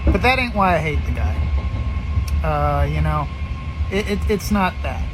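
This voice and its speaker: A man delivers a rambling, profane, scornful rant in a halting way, repeating words as he goes. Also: animated. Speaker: solo ranter recording himself. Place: riding on a commuter train. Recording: loud train rumble and vehicle noise. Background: train noise and station announcements.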